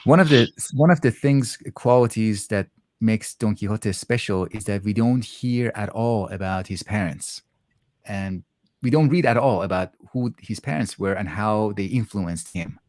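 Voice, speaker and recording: A man speaking reflectively in a conversational interview, halting often as he thoughtfully searches for words. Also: fairly low pitch, a little mellow, no room sound.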